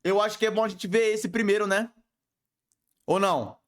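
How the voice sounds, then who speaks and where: A man with a Brazilian accent reacting casually to a video, talking in excitable, slangy bursts. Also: high voice, moderate pace. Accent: Brazilian Portuguese. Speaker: react streamer.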